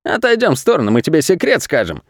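A man's voice: fairly high pitch, wildly swooping pitch, fast, breathy edge, dry recording, clean studio sound, voice pushed up, exaggerated voice. A man voicing a pair of scheming crooks in a children's audiobook, threatening and brash. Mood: sly. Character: scheming male crook duo, rough bullies.

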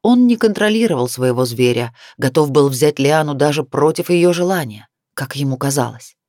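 A narrator reading a romance novel aloud in steady, scripted audiobook narration. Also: mid-range voice, normal speed, dry recording, studio quality.

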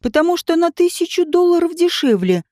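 A woman's voice: extremely high pitch, very animated, fairly quick, warm tone, no room sound, clean studio sound, voice pushed up. A woman voicing a timid, flustered woman writer who talks hesitantly and apologetically.

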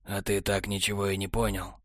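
Cold, scornful male traitor, soft and low, contempt in every word, as a male narrator puts him on. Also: monotone, fairly quick, dry recording, clean studio sound, natural voice. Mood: contemptuous. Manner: low, hushed, sneering delivery.

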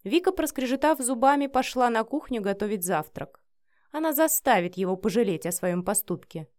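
A woman reading a novel chapter aloud in a steady, expressive narrating voice. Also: fairly high pitch, normal speed. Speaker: audiobook reader. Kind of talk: scripted story narration.

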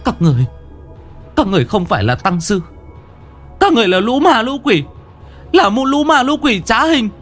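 A man's voice: medium pitch, very animated, measured pace, long pauses, darkish tone, faint music behind, pitched above the performer's own voice. A man voicing a frightened but stubborn young village girl who talks in an urgent, pleading way, in a storybook horror tale. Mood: defiant.

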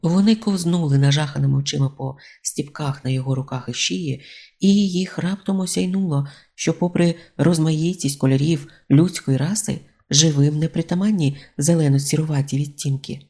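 An audiobook narrator reading a comic fantasy novel in an even storytelling delivery. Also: mid-range voice, normal speed, creaky.

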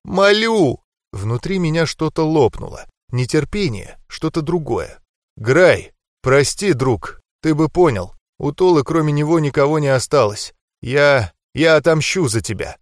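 A man's voice: a little high, animated, measured pace, no room sound, studio quality. A man narrating a first-person audiobook in a grim, tense manner.

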